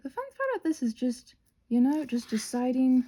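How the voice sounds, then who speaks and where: A woman hosts a casual craft tutorial, rambling as she thinks aloud and interrupting herself in a scattered way. Her high-pitched voice moves at a moderate pace, sprinkled with playful, expressive exclamations.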